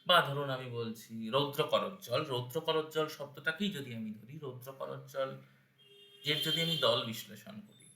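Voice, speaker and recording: Bright-voiced man teaching verse meter. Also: medium pitch, brisk, echoey room. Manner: patient, syllable-by-syllable explaining. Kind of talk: spoken lesson.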